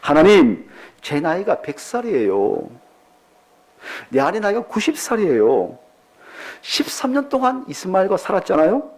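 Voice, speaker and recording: A man's voice: high-pitched, big pitch swings, normal speed, long pauses, exaggerated voice. Man voicing aged Abraham, pleading, protesting, earnest. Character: Abraham, old man pleading and arguing with God.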